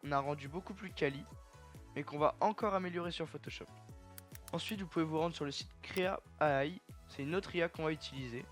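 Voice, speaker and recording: A young man casually talking viewers through a software tutorial step by step, chatty and informal. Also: fairly high pitch, fairly quick, faint music behind. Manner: chatty, step-by-step, addresses viewers as "les gars". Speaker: tutorial creator.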